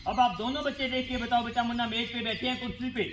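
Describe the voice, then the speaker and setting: High-voiced man, magician at a noisy school. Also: fast. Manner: repetitive, lively storytelling, keeps addressing the children. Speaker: stage magician. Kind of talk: magic show patter for schoolchildren. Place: school event. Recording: noisy school show recording.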